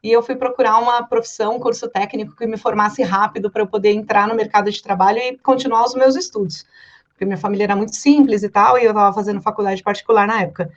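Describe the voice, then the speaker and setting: A woman from Brazil, a voice-over artist, chatting casually and telling stories with lively quoted voices. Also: mid-range voice, quick pace, lo-fi sound. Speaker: voice-over artist and director, guest. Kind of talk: casual podcast chat.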